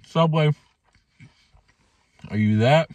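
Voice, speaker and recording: A food vlogger in his thirties chats slowly to camera while eating in his car. His voice runs on the high side with a darkish tone, and the arm's-length phone or camera picks up no room sound.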